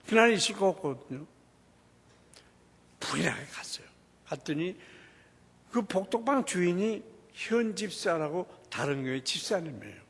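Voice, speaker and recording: A man with a high, husky voice tells his church testimony as a story. His pitch leaps up and down as he acts out the people in it. A long reverb hangs on his words, as in a large hall. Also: normal speed, pauses often. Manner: animated storytelling, acting out quoted dialogue. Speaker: church deacon giving a testimony.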